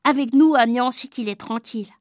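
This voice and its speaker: High-voiced woman reading a children's story. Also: moderate pace, no room sound, clean studio sound. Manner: lively, childlike first-person telling. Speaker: audiobook reader. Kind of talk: storybook narration.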